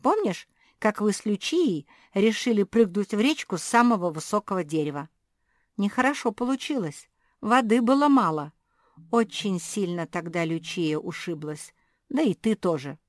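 A woman voicing a calm, motherly adult female dog in an audiobook, giving measured advice. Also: mid-range voice, dry recording, clean studio sound, voice pushed up, lightly acted. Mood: instructive.

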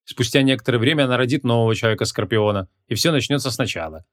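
A man's voice: medium pitch, rapid-fire, fairly bright tone, close to an everyday voice. A man reading the part of a stern, short-tempered male archmage in an audiobook, with commanding, curt questions.

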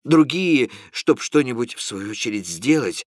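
A man reading classic fiction aloud as an audiobook narrator, in a measured, expressive way. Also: medium pitch, no room sound, clean studio sound.

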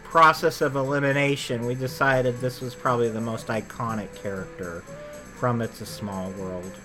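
Bright-voiced chatty male podcast host. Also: medium pitch, steady tone, moderate pace, faint music behind. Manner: chatty, rambling, self-correcting. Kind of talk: casual chat about theme park attractions.

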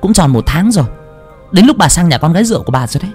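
Một người đàn ông giả giọng mụ con dâu độc ác chua ngoa. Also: male voice, very animated, very fast, darkish tone, soft background music. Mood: sneering. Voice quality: shrill, screeching. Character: shrill cruel middle-aged daughter-in-law.

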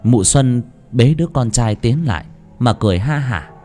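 A man's voice: mid-range voice, expressive, normal speed, mellow, soft background music. A man narrating a horror story audiobook in a dramatic, suspenseful manner.

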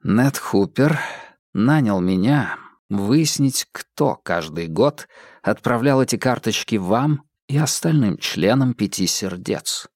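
A man voicing a cool, measured male detective in an audiobook, calm and curt. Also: on the low side, no echo, clean studio sound.

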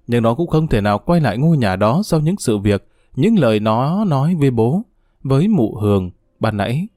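A man narrating a story in a calm, even storytelling voice. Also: medium pitch, no echo, clean studio sound.

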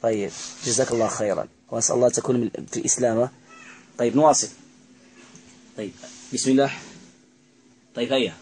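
A man's voice: mid-range voice, fast, pauses often, dark tone, slight background noise, poor audio. A man acting as a ruqyah healer, commanding and repeating himself as he addresses a spirit in an exorcism session, full of religious phrases.

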